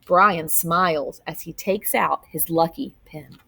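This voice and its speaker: A woman's voice: deep voice, slow pace, vocal fry, pushed and bright, husky. A woman teacher reading a picture book aloud expressively, with asides to children.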